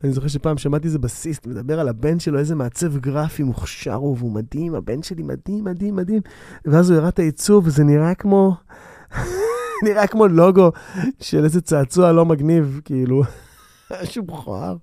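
A man's voice: fairly high pitch, lively intonation, dark tone, dry recording, studio quality. A man hosting his own podcast, talking casually into a microphone on a stand, rambling with many fillers and restarts and often poking fun at himself. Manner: self-deprecating and quick to laugh. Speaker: podcast host; bassist. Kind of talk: casual solo podcast monologue. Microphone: new microphone on a stand.

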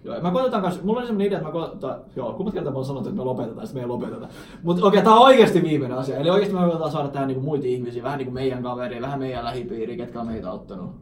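A man co-hosts a relaxed podcast from an office, rambling and laughing between thoughts. His voice sounds a bit distant from the mic, with a roomy echo around it. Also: mid-range voice, hardly any pauses. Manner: rambling, laughs often, mixes in English phrases. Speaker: podcast co-host. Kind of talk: casual podcast chat.

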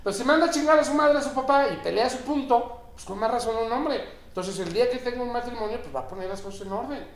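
A Mexican man in his fifties, a guest in a casual podcast chat, telling stories in a profane, emphatic way with big swings in loudness. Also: very high voice, fast, hardly any pauses. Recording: echoey room.

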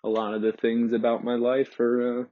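A twenty-one-year-old man in an introspective solo monologue, talking hesitantly and softly with many pauses, alone in a room, on a dull lo-fi recording. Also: medium pitch, completely flat delivery. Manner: hesitant, soft-spoken, many pauses and fillers.

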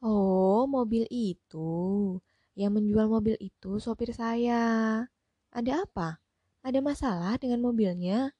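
A woman voicing a stern, well-off woman near fifty who talks sharply and firmly and takes offense quickly. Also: fairly high pitch, dark tone, breathy edge, no echo, dull audio, voice pushed up. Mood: brisk, firm.

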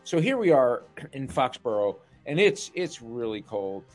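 A man's voice: mid-range voice, big pitch swings, a little slow, soft background music. Older male sportscaster reminiscing casually. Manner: chatty, warm reminiscing with restarts. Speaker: radio co-host and sportscaster. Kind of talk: casual radio chat.

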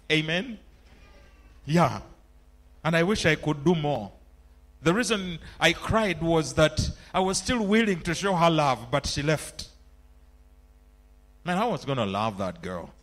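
A middle-aged Ugandan pastor preaches in a high-pitched voice. He moves from loud, rising exhortations to soft, reflective asides. Along the way he calls for amens from the listeners and slips into phrases of a local language. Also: sing-song, takes it slowly, pauses often. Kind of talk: sermon.

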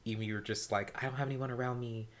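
A woman's voice: very deep voice, fairly even intonation, racing. A woman hosts a casual podcast chat, talking in a chatty, upbeat way. She laughs easily and keeps things light. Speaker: podcast host.

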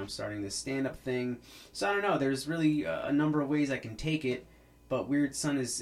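A man, hosting a podcast as a casual, rambling monologue full of restarts. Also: medium pitch. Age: 30s. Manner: rambling, with many restarts and fillers. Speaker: podcast host.

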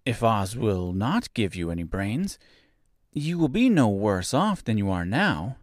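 A man voicing a polite, sympathetic little girl in a storybook, sweet, curious and gently courteous. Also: lowish voice, sing-song, measured pace, no room sound, studio quality.

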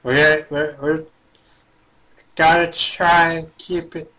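A man's voice: on the high side, flat delivery, slow pace, bright, forceful tone, poor audio. A man co-hosting a gaming podcast in casual, joking chat. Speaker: podcast co-host.

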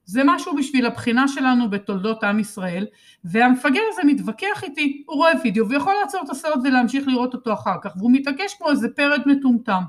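A bossy teenage older brother who sneers and taunts his younger sibling, as a woman reading a storybook puts him on. The voice sits a little higher and pushes harder than a plain reading voice. He orders people around and mocks whatever he hears. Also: animated. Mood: whining.

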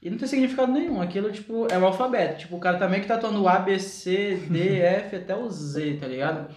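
A man's voice: high voice, quick pace, darkish tone. Man, crude joker, echoey room. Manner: crude, joking, explains at length. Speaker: podcast co-host. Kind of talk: casual podcast chat. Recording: echoey room, faint noise.

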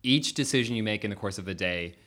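A man's voice: on the low side, expressive, quick pace, a bit bright. A man hosting a casual podcast chat, rambling and laughing often. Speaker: podcast host.

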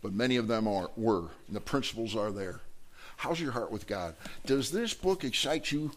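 A man preaching a Sunday morning sermon in an animated way, asking the congregation questions and breaking into loud shouts. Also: on the low side, moderate pace. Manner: animated, bursts into loud shouts acting out a sports fan; asks the congregation questions, then ends in prayer.

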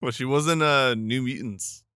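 A man's voice: medium pitch, normal speed, bright, forceful tone, no echo, clean studio sound. A man co-hosting a podcast in casual chat, teasing playfully and laughing through his lines. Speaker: podcast co-host.

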